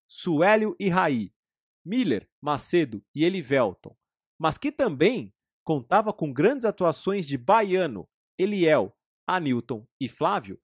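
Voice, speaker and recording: A Brazilian man narrates a scripted football history in a high, husky voice. His pitch moves in a lively way, and the sound is dry and close. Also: no echo. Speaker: narrator and host.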